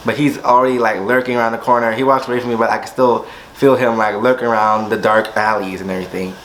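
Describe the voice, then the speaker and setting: A young man telling a storytime vlog story, dramatic, acting out quotes and jumping into sudden high squeals. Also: fairly even intonation, fast talker, a bit bright, poor audio. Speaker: vlogger.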